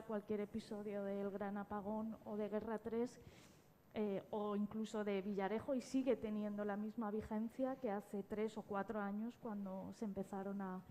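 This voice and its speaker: At a live panel during a festival event, a podcast editor serving as a panelist explains things spontaneously, thinking aloud and repeating words as she goes. Her mid-range voice has a darkish tone, with a little hiss or hum in the recording.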